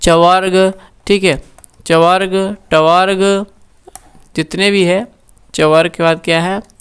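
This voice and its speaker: A woman's voice: lowish voice, steady tone, clear, resonant tone. Woman teacher asking and answering herself. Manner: asks a question, then answers it herself; repeats key terms slowly for pupils. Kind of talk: Hindi grammar lesson. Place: recorded for an online class.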